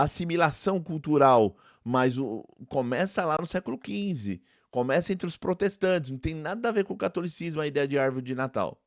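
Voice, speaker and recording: A man's voice: a little high, no echo, studio quality. A Brazilian man, a theology professor, hosting a reaction commentary in a conversational way, repeating his points and talking straight to his viewers. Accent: Brazilian Portuguese. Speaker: theology professor and channel host.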